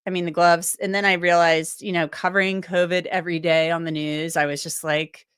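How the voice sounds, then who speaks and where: A woman who comments on legal topics hosts a livestream, loosely chatting through viewer comments and thinking aloud with many restarts. She's recovering from a cold, so her low-leaning, level voice sounds a bit strained, though it's brisk, slightly bright and resonant. The clear studio recording has no echo.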